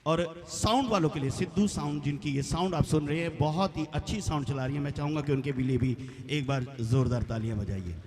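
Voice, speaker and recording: A man's voice: on the high side, brisk, a little mellow. A man hosting a live devotional concert on stage, rousing the crowd into chants and applause. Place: large auditorium, live event. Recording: long hall reverb from live auditorium.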